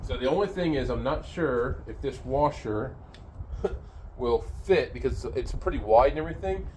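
A little hiss or hum sits under this man's medium-pitched, moderately paced voice as he walks through a sawmill repair. He owns the mill and films on a handheld camera outdoors under an open shed beside the machine, calmly explaining each step with fillers in a casual how-to.

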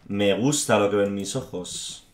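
A Spanish man from Spain does gameplay commentary for his YouTube channel in a lowish, slightly slow voice, frustrated and swearing a lot while repeatedly saying "tío." The room sounds echoey.

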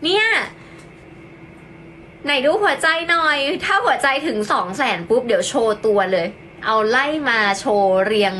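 A woman's voice: on the high side, big pitch swings, measured pace, a bit bright, slight background noise, rough recording. A young woman from Thailand chatting casually on a phone live stream, thanking viewers and cooing affectionately over her cats.

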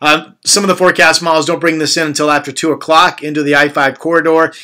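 A man giving a casual weather update, relaxed and chatty, with the hiccups and small self-corrections. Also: fairly high pitch, fast talker. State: has the hiccups. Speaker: weather forecaster.

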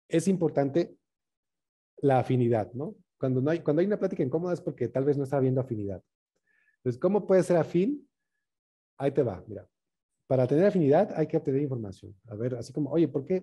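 A man gives a relaxed workshop talk on communication. His voice is very dark and mellow, with a husky edge. He often checks in with his listeners through quick tag questions. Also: medium pitch.

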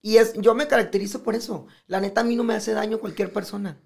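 Gravelly Mexican man, animated and profane. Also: sits high, fast talker. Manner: animated, profane, acts out quoted speech. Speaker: podcast guest. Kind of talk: casual podcast conversation.

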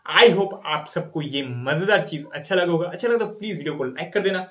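A man's voice: on the high side, lively intonation, a little fast, bright, forceful tone. A man, presenting and explaining magic tricks step by step like a showy magician. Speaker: magician, video tutorial host. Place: small indoor studio with dark backdrop. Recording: roomy indoor echo.

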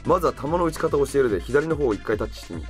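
Man voicing a broccoli-like game guide with a Kansai accent, a pushy Osaka auntie type, quick and lively. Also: medium pitch, soft background music, natural voice. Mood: folksy. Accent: Kansai dialect. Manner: bossy, folksy instructions. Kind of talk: reading on-screen tutorial lines aloud.

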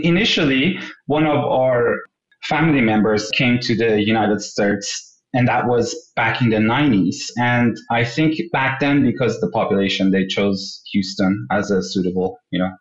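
A man's voice: medium pitch, normal speed. A man in his thirties from Iran, a guest speaking earnestly in a casual interview, often saying "you know". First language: Persian. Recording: roomy, dull lo-fi remote line.

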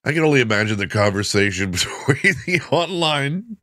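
A man's voice: mid-range voice, sing-song, moderate pace, sharp tone, no room sound, studio quality. A middle-aged man giving casual comedic reaction commentary, trying not to laugh and chuckling mid-sentence. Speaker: host of a reaction video show.

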